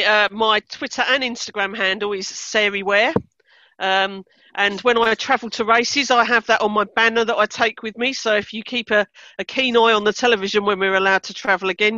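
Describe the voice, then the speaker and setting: A woman's voice: mid-range voice, fairly even intonation, normal speed, pushed and bright, no echo, muffled recording. A woman with an Essex English accent chatting casually on a podcast as a Formula One fan. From Essex, England.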